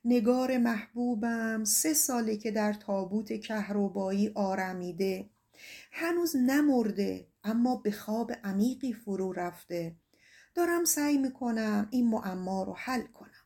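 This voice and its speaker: A woman's voice: mid-range voice, expressive, mellow, lightly acted. A woman reading an audiobook voices a grieving young male shepherd, who calls out and pleads earnestly. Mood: pleading. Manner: pleading, calling out, raised and earnest.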